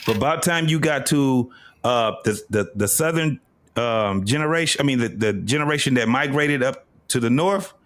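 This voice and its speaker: A man's voice: medium pitch, animated, normal speed, a bit bright. A man in his fifties in a casual podcast debate, pressing his points with repetition and questions to the others. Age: 50s. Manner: emphatic, repeats points, asks others questions. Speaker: podcast co-host.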